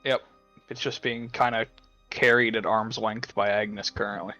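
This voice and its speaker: A playful man serves as game master, teasing his players about the map. His tone is bright and clear. Quiet music sits behind him. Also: fairly low pitch, level tone, normal speed, highs cut off. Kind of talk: running a tabletop game.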